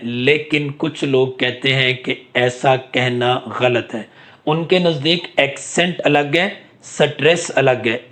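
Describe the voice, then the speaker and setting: A man's voice: medium pitch, a bit bright. A man lecturing on literary terms, asking questions and then answering them, and drawing out key English phrases for emphasis.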